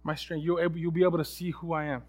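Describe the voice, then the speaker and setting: A man's voice: a little high, flat delivery, racing, a little mellow. A young man preaching a sermon in a casual, storytelling way, often restarting his sentences and acting out other people's voices. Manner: many restarts and fillers.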